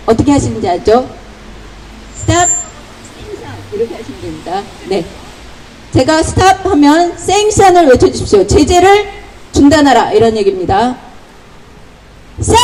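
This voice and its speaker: A woman emceeing a street protest outdoors, leading chants and explaining each slogan between the shouts. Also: fairly high pitch, slight background noise, low-quality recording. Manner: shouts slogans, then gives brisk instructions. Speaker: rally emcee.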